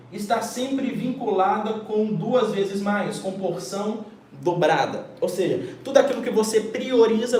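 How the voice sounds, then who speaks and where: A man, a pastor teaching a Bible lesson in an emphatic preaching style, often checking in with his listeners and addressing them warmly as his children. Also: sits high, reverberant, slight background noise, poor audio. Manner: emphatic, keeps checking in with "ok?", calls listener "filho".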